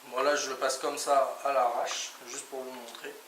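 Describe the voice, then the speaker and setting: Flat in delivery and medium in pitch, this man talks at a normal speed. He's a motorcycle vlogger giving an informal hands-on tutorial on gear, moving through each step with little interjections, and the audio is echoey and distant with plenty of noise.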